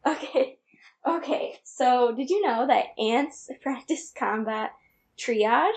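An earnest young woman explains animal facts on a casual podcast, her voice fairly high with a gravelly fry. She laughs lightly as she goes. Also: takes it slowly. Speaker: podcast co-host.

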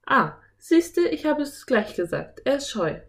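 A woman reading a children's audiobook, voicing an excitable, curious young girl who pleads and cries out in a high, breathless voice. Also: measured pace, exaggerated voice. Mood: excited girl.

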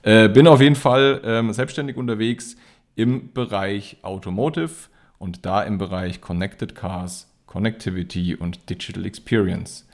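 A man in his thirties from Rhineland-Palatinate, Germany, co-hosts a casual podcast chat in a Palatinate German accent. His voice is lowish and his pace moderate. He is hesitant, stumbling through many fillers and restarts.

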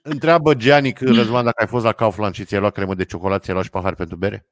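Low-voiced man reading listener comments. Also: steady tone. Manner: reads comments aloud with dry jokes. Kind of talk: casual chat.

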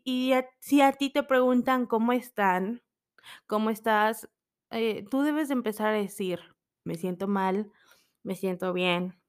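A woman's voice: sits high, smooth. A young woman talking casually and personally, telling stories and acting out what others said. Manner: chatty, storytelling, expressive quoted voices.

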